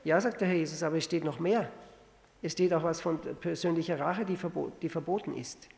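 Gravelly-voiced preacher in a reverberant hall. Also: male voice, on the high side, a little fast, a little mellow. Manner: conversational, many restarts and fillers, rhetorical questions. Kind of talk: sermon, verse-by-verse Bible exposition.

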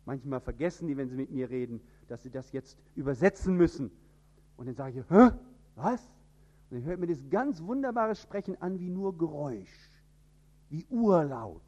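Emphatic preacher man, mellow dull sound. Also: animated, normal speed. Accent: standard High German. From northern Germany. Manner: emphatic, with sudden rises in pitch and loudness. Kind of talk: sermon.

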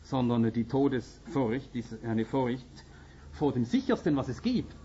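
A middle-aged or older Finnish man, a native Swedish speaker with a Swedish-speaking Finnish accent, preaches a sermon earnestly and emphatically, building to urgent peaks. His medium-pitched voice is sing-song and dark in tone, at a measured pace. The lo-fi recording sounds slightly dull, with slight background noise.

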